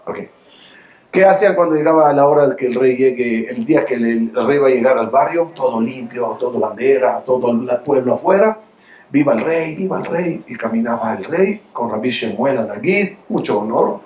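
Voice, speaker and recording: A man rabbi giving a storytelling sermon, lively and full of repeated rhetorical questions. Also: medium pitch, moderate pace, reverberant.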